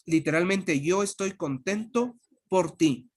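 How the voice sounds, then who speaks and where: A language teacher walks through pronunciation in an online lesson, unhurried and deliberate. The voice sits at a middle pitch and repeats each sound with patience. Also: lively intonation, darkish tone.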